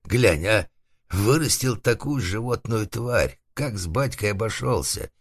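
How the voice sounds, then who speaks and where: A man voicing a coarse, vengeful old organ grinder who threatens and swears in a rough voice, in an audiobook. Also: fairly low pitch, animated, a little slow, no echo, voice pushed up, heavily acted. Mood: aggrieved.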